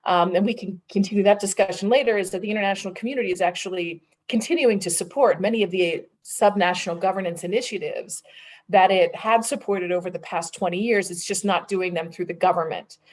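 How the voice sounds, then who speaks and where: A woman's voice: mid-range voice, fairly quick. A woman moderating a policy roundtable, talking conversationally with many fillers and restarts.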